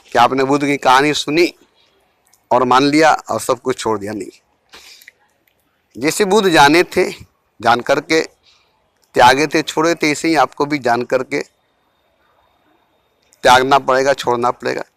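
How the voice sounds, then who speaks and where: A man giving an informal spiritual talk at home in a measured way, repeating key phrases for emphasis. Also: mid-range voice, a bit bright, no room sound. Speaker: spiritual teacher.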